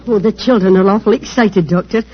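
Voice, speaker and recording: An actress playing Mrs. Hudson as a fussy, kindly, deferential housekeeper in a 1940s radio drama. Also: female voice, mid-range voice, fairly quick, music in the background, natural voice. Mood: excited, fussing. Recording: thin phone-like 1940s radio recording.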